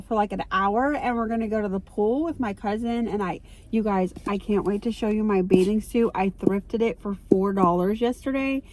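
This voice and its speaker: Chatty middle-aged woman vlogging from her car. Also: mid-range voice. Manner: chatty, excitable storytelling. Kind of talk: casual chat. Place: parked car. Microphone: phone.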